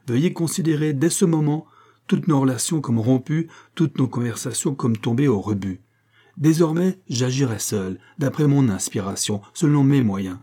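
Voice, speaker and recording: A man's voice: mid-range voice, warm tone, pitched above the performer's own voice, lightly acted. A man reading the part of a proud, indignant Japanese baron in an audiobook, in a declaiming, oratorical manner.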